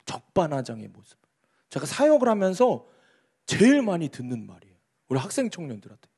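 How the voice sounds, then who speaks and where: Animated high-voiced male pastor preaching. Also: fairly quick, breathy edge. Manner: emphatic, rhetorical questions, reads scripture dramatically. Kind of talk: sermon. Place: church sanctuary.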